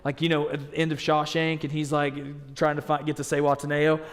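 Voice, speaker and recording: Man, guest preacher, conversational joking sermon, slightly high voice, long church reverb. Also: monotone, brisk.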